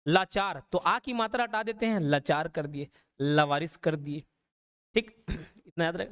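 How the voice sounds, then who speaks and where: A man teaching an online exam-prep class, repeating words slowly and often checking in with "okay?". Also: fairly high pitch, a bit bright. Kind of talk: explanatory lecture.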